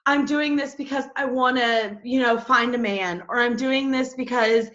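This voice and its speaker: Bright chatty woman on a dull call line. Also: a little high, fairly even intonation, normal speed. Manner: chatty, peppered with "like" and asides to the group. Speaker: fitness business coach on a team call. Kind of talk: casual motivational team call. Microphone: video call.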